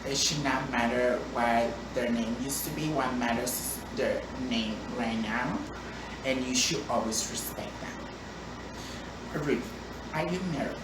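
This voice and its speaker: Low-voiced woman in casual vlog chat. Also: unhurried. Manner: chatty, playful, with frequent ums and restarts. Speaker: vlogger answering viewer questions. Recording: echoey room, distant mic, background noise.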